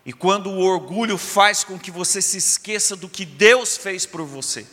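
A man gives a sermon testimony in a church service. His voice is bright and forceful, a touch higher than most men's. He tells the story dramatically, dropping to a hush and rising again, and long reverb rings around him. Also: normal speed. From southern Minas Gerais, Brazil. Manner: dramatic storytelling, swinging from loud to hushed. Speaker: preacher giving testimony.

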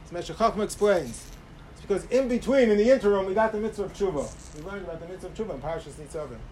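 A man speaking as a rabbi giving a sermon, with emphatic delivery that swings between raised stress and softer asides. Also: high-pitched, animated, quick pace, rough recording. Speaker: rabbi giving a religious talk. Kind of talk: sermon, Torah lecture with Hebrew quotations. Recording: clear background noise.

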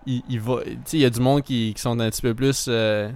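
A man's voice: mid-range voice, fairly even intonation, brisk, a little mellow, clear, resonant tone, dry recording. A man with a Québécois French accent telling a story in a casual chat, rambling with lots of fillers and dropping in English words.

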